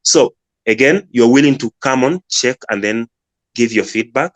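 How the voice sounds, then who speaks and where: A man's voice: medium pitch, moderate pace, dry recording. A man from Uganda, a guest speaker explaining his farm app in an earnest way with many restarts. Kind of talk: casual pitch on a live audio room.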